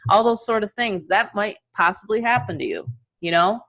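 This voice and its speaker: A woman with a New York accent coaching an online webinar in a casual, chatty, encouraging and energetic way. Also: mid-range voice, normal speed. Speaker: online marketing coach and host. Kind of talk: casual webinar training and motivational talk.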